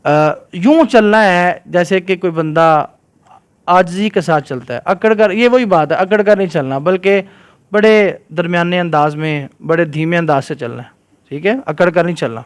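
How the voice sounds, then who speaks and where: Man teaching a clear religious lesson. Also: high voice. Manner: keeps quizzing listeners with "right?"; recites Arabic verses in a raised chant. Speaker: Islamic scholar teaching children. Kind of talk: religious lesson with Quran recitation.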